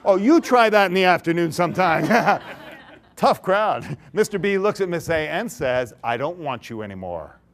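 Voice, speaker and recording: A man's voice: high-pitched, expressive, normal speed. A man giving an interactive keynote talk to a large audience. He tells a story, acts out its characters and laughs often. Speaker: keynote speaker. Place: large conference hall.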